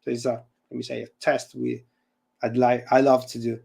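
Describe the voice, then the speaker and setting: This Italian university lecturer, a guest presenter, has a warm, medium-pitched voice with vocal fry and fairly flat intonation. Speaking English as a second language over a video call, he chats casually and runs a live coding demo, groping for words with frequent restarts and fillers like "uh" and "let me say." The call audio occasionally drops in and out.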